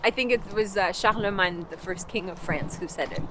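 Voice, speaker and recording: Speaking a little fast in a lowish voice, this young Canadian language coach, whose first language is English, talks casually while walking outdoors in a park. The background is noisy, and her chatty speech is full of "like" and restarts.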